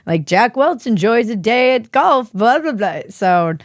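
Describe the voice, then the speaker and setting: A woman's voice: fairly high pitch, sing-song, no echo. A woman hosting a podcast, telling candid stories in a casual conversation on a close studio mic. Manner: candid, quick storytelling. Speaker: podcast host.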